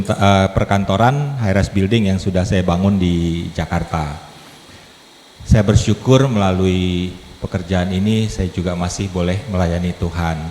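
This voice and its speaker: A man's voice: low voice, darkish tone. Joking preacher man in an echoey hall. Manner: joking, chatty, engages audience. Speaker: lay preacher. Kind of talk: sermon with humor. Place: church hall. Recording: echoey hall, faint background noise.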